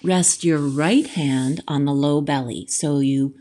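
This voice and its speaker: A woman instructor leading a yoga and breathwork class in a gentle, measured way, leaving pauses between short instructions. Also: sits low.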